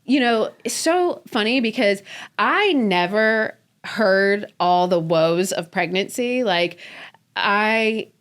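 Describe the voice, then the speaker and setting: A woman's voice: medium pitch, slow pace. Chatty woman in her thirties, laughing often. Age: 30s. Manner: animated, laughs often between sentences. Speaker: podcast guest. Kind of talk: casual storytelling conversation.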